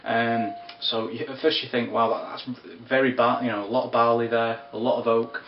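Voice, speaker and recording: A man giving a casual spoken whisky review, unhurried and descriptive with wry asides. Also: medium pitch, little pitch movement, slight background noise. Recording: roomy, distant, dull lo-fi sound.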